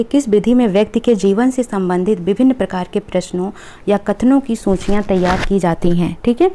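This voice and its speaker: A woman teaching an exam question review speaks at a medium pitch with a dark tone. Each answer option gets read aloud, and "ठीक है" comes up often as she checks in with students.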